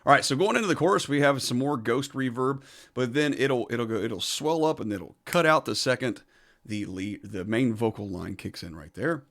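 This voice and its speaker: A man casually walking through how he recorded his own song, talking in a relaxed, conversational way. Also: medium pitch, moderate pace. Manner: laid-back and conversational, says "man" and "so". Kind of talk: casual studio walkthrough.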